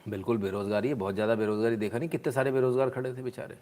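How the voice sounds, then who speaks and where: A man's voice: medium pitch, fairly even intonation, racing, darkish tone. A man hosting a live stream, commenting sarcastically on video clips and answering viewers' comments in a mocking, scolding way.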